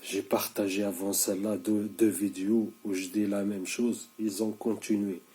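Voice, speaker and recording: A sleep-deprived man in his thirties speaks straight to camera in a casual video monologue, insistent and repetitive, often stumbling and restarting. His voice is fairly low, flat and dark, at normal speed.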